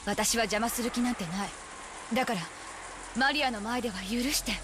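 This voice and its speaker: A woman's voice: a little high, racing, lightly acted. An actress voicing a guarded mother pleading with her older sister, in voiced game dialogue. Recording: game audio with music underneath. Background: game background music.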